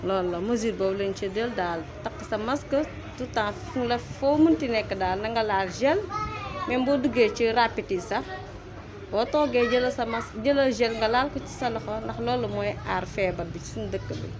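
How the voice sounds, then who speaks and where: A woman's voice: fairly high pitch, normal speed. A young woman from Senegal, a hairdresser interviewed in a salon, explaining things insistently. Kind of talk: street interview. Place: hair salon, indoors. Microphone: handheld mic held close. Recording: clear background noise.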